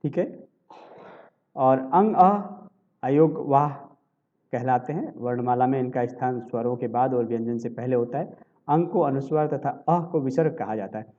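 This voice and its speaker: A man teaching a Hindi grammar lesson for exam preparation, explaining step by step and often pausing to check in with his students. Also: mid-range voice, warm tone, highs cut off. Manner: explanatory, checks in with repeated tag questions.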